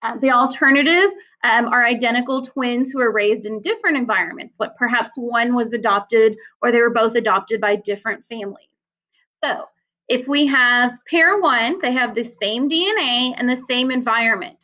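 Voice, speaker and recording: A woman's voice: on the high side, moderate pace. A woman teacher giving a recorded psychology lecture, explaining in a conversational way with frequent fillers. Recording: slightly dull lo-fi sound.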